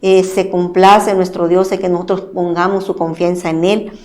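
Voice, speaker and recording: A woman's voice: lowish voice, level tone, normal speed, darkish tone. A woman preaching at a church program, reading a Bible passage aloud and explaining it with many restarts, adding a tag question after nearly every phrase.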